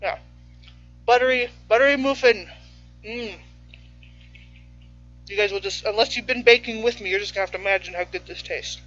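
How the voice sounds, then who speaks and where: A woman's voice: mid-range voice, moderate pace, pauses often, fairly bright tone, no echo. A woman hosting a casual cooking stream in a home kitchen, chatty and playful, sometimes talking with her mouth full. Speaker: baking show host. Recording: slightly muffled, faint music behind.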